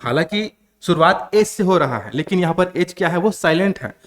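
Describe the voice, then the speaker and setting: A man's voice: high-pitched, lively intonation, fairly quick, a bit bright. Man teaching, asking and answering himself. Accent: Chhattisgarh. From India. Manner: asks quiz questions then answers them himself. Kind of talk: classroom lecture. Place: coaching class.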